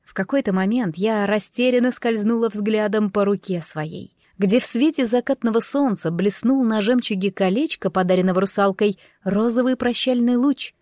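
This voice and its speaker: A woman's voice: mid-range voice, moderate pace, hardly any pauses, a little mellow, dry recording, studio quality. A woman narrating a fairy tale audiobook in first person, reading expressively and giving the characters their own voices.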